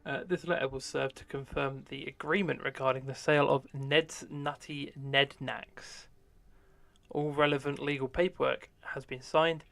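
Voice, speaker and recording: A man's voice: mid-range voice, gravelly, fairly bright tone. A sardonic, sweary man giving casual live commentary on a game. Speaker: live streamer. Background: game music.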